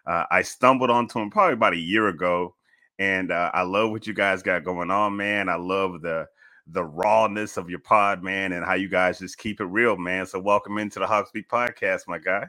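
A man's voice: low voice, fairly even intonation, moderate pace, bright, forceful tone. A man hosting a sports podcast, chatting in an informal, colloquial way. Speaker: podcast host. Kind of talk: casual sports podcast chat.

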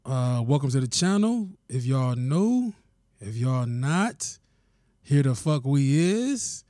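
A man's voice: medium pitch, big pitch swings, slow, warm tone, no echo, clean studio sound. Laid-back slangy man hosting a podcast. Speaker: podcast host. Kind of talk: casual podcast chat.

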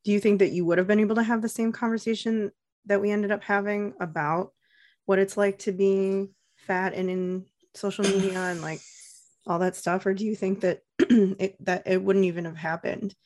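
A woman's voice: medium pitch, fairly even intonation, normal speed, darkish tone. A woman hosting a podcast, asking long questions in a friendly, casual tone. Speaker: podcast host. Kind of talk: casual interview chat.

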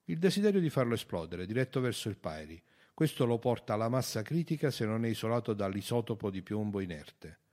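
A man voicing a fierce, idealistic woman in an audiobook reading, loud and insistent. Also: fairly low pitch, very animated, brisk, few pauses.

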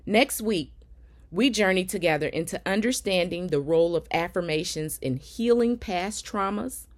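Scripted motivational narration comes from a woman with a lowish voice who hosts a podcast as an affirmation coach. She sounds earnest and encouraging, keeping a measured pace.

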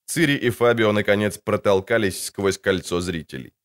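A man narrating an audiobook in an expressive storytelling manner. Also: lowish voice, moderate pace. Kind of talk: scripted narration.

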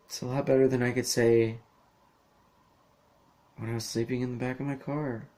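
In a rambling solo podcast monologue, a man in his thirties uses lots of fillers and restarts and swears casually. His voice is medium-pitched, level, unhurried and dark in tone.

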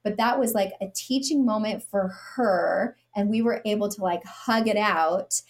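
A woman's voice: mid-range voice, darkish tone. A middle-aged woman, a guest on a podcast interview, talking earnestly in a storytelling way and sometimes acting out what people said with a sarcastic edge. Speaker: guest, nonprofit CEO.

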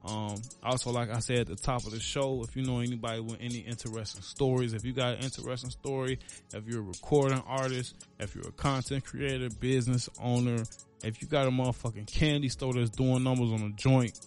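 A man's voice: medium pitch, fairly even intonation, brisk, a little mellow, faint music behind. A man hosting his own podcast, talking casually in a rambling, laid-back way with lots of fillers and slang, a little out of breath. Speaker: podcast host. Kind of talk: casual solo podcast outro.

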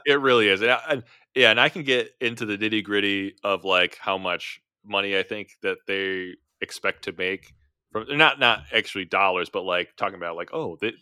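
Bright-voiced Midwestern male co-host. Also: fairly low pitch, normal speed, clear, resonant tone, no echo, clean studio sound. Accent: Midwestern American. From American Midwest. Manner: chatty, rambling, jokey. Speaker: podcast co-host. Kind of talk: casual chat.

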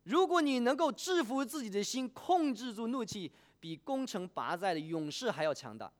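A preacher gives a sermon in a mid-range voice that rises and falls widely. The delivery is animated. The speaker often puts questions to the congregation and asks for a show of hands. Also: mid-range voice, moderate pace.

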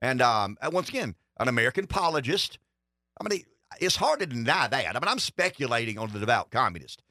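A man's voice: mid-range voice, sing-song, quick pace, bright, forceful tone, no room sound, studio quality. A man hosting a political talk radio show, giving opinionated commentary and often repeating words as he starts a thought.

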